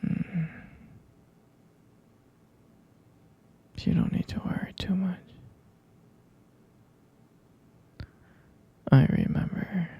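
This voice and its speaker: In an ASMR roleplay, a man plays a gentle, sleepy boyfriend who is half human and half vampire, whispering hesitant, tender reassurance close to the mic. His soft, breathy whisper sits a little high, and the audio sounds dull.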